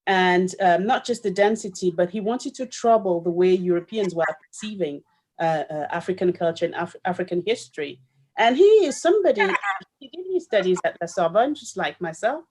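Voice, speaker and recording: A woman's voice: on the low side, animated, brisk, a little mellow, a little hiss or hum. Thoughtful woman historian, raised. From Cameroon, raised in Paris. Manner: thoughtful, searching for words with fillers. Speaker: historian and author. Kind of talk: conversational discussion.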